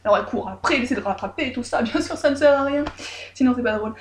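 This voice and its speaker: A woman retells a folk tale in a casual, lively way, dropping irreverent jokes as she goes. Her voice sits a little high and carries a roomy echo. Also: racing, a little hiss or hum. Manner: lively, joking, irreverent asides. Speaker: storyteller.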